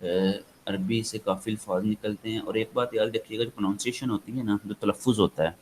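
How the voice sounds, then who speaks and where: A man's voice: lowish voice, fairly even intonation, slight background noise, low-quality recording. A man with a Pakistani accent giving an online lecture, rambling with many fillers and slipping into English. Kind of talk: online lecture, casual explaining.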